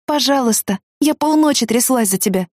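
A woman's voice: fairly high pitch, animated, brisk, a little mellow, dry recording, studio quality, voice pushed up. A woman reading as a fiery, pleading young woman. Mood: reproachful. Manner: pleading and indignant outbursts. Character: anxious, fiery young woman just out of school.

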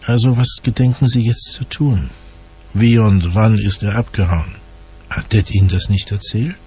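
A man's voice: fairly low pitch, fairly even intonation, mellow, slightly rough. A man voicing a haughty, spoiled rich woman. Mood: sharp. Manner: languid, sneering, quick to snap. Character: haughty wealthy young woman, spoiled and sharp-tongued. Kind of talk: dramatized audiobook reading.

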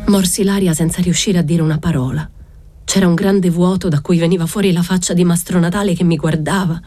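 A woman reading a literary novel aloud in a calm, measured way. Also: on the low side. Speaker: reader.

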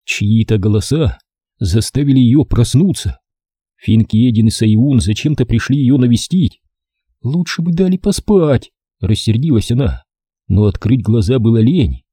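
A man narrating an audiobook in an expressive, lively storytelling manner. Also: medium pitch, normal speed, breathy edge, no echo, clean studio sound.

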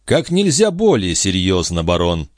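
A man voicing a calm, imposing male sorcerer guest in an audiobook. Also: low-pitched, measured pace, no echo, clean studio sound, exaggerated voice.

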